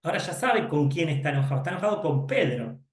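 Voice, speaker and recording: Animated man lecturing, echoey room. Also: a little high, fast. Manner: explanatory, acts out dialogues, self-corrects. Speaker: psychologist lecturing teachers. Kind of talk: conference lecture.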